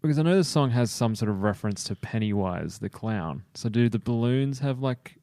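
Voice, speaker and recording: A man's voice: mid-range voice, animated, a little fast, warm tone, no echo. A man co-hosting a casual podcast, asking questions hesitantly with lots of fillers. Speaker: podcast co-host.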